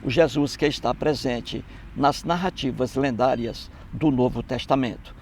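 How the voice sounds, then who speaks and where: A man's voice: medium pitch, unhurried, darkish tone, slight background noise. A Brazilian man giving scornful, mocking commentary on Bible passages, repeating phrases for emphasis. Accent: Brazilian Portuguese. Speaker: atheist commentator.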